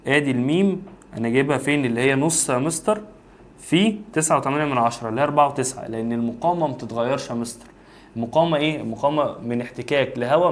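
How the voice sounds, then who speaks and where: A man with an Egyptian accent teaching a physics review lesson, reasoning aloud step by step and addressing the student directly. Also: mid-range voice. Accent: Egyptian Arabic.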